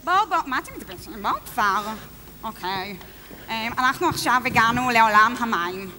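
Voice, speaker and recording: A woman's voice: a little high, animated, noisy background, lightly acted. An actress playing a chatty tour guide who hurries her group along. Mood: brisk. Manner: brisk, hurrying the group along. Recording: long reverb, faint clicks.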